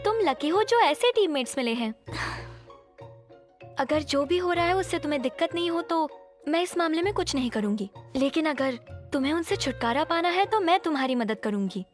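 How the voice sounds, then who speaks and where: A woman's voice: high voice, animated, a little fast, faint music behind. A woman voicing a clever, level-headed young schoolgirl heroine in an anime dub.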